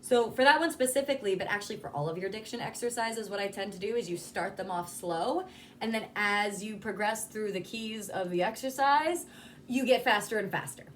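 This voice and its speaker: A woman's voice: medium pitch, slight background noise. A woman vocal coach talking casually and informally as she explains and demonstrates how to articulate sounds. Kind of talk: casual instructional talk with demonstrations.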